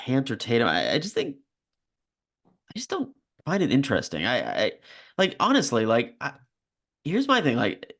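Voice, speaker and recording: A man co-hosting a casual sports podcast, talking in a relaxed, hedging way with many restarts and sudden bursts of emphasis. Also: medium pitch. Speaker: podcast co-host.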